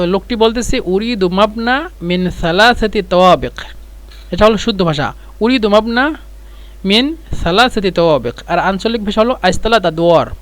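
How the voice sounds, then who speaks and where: A man, teaching by explaining a dialogue line by line and repeating phrases slowly for learners. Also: high voice, a bit bright, no echo. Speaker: Arabic language teacher.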